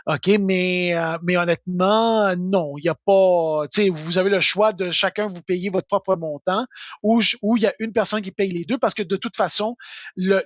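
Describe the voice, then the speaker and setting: A Québécois man explains tax rules in a live question session, chatty and full of fillers. His voice sits high. The sound is dry and a little dull. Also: no room sound. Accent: Québécois French. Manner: informal, full of filler words and tag "là". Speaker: tax software expert answering questions.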